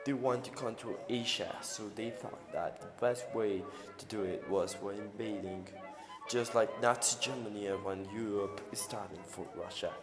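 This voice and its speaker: A man's voice: fairly low pitch, steady tone, moderate pace. Man narrating an old newsreel, echoey. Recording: roomy long reverb over clear music.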